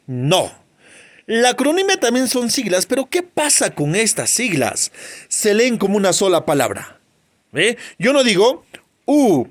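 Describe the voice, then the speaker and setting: Lively teacher, self-answering questions. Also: male voice, sits high. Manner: asks questions and answers them himself, spells letters out slowly. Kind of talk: classroom grammar lesson.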